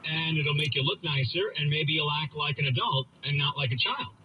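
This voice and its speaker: Speaking a bit quickly in a voice on the high side, this talk radio host pushes his opinions hard, stressing points and echoing his own phrases for impact. The recording is muffled, a radio broadcast with faint noise behind it.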